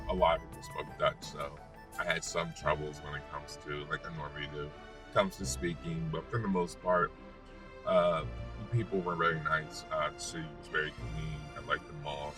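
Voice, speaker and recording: An American man, a vlogger, casually telling a personal story in a halting, rambling way with self-corrections. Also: very deep voice. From United States. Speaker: vlogger and former basketball player. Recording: distant mic, music behind.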